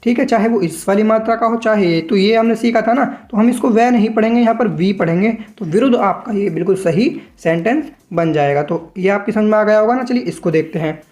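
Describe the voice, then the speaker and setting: A shorthand teacher giving a patient step-by-step tutorial, sounding out syllables slowly one at a time and addressing learners as friends. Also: medium pitch, darkish tone.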